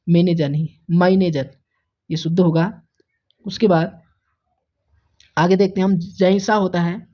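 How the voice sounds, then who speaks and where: An earnest teacher works through an exam-prep spelling lesson, repeating each correct and wrong form in steady, mid-pitched tones. The sound is a little muffled and lo-fi. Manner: earnest, stressing exam importance. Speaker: Hindi teacher. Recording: slightly dull lo-fi audio.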